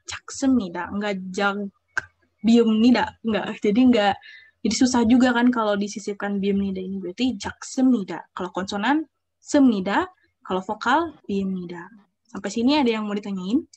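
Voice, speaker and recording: Over a video call, a young woman leads an online language class, her mid-range voice husky and darkish at a moderate pace. She walks through the material step by step, reads example phrases aloud, and keeps checking that students are following.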